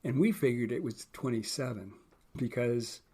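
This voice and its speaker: A man's voice: medium pitch, moderate pace, warm tone, husky. A man co-hosting a casual podcast, reading Bible verses aloud and explaining them plainly with an occasional dry joke. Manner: explains plainly, with small restarts and dry jokes.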